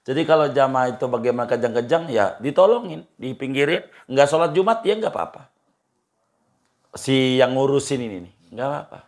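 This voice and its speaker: A man, a cleric giving a relaxed religious study talk and answering questions in a colloquial, repetitive way. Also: medium pitch, fairly quick. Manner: easygoing, colloquial, repeats phrases, chuckles.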